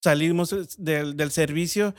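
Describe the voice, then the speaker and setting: A man, a guest telling his personal testimony in an earnest, unhurried way. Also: fairly high pitch, dry recording, studio quality. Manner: earnest, unhurried, acts out quoted voices. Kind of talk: casual storytelling conversation.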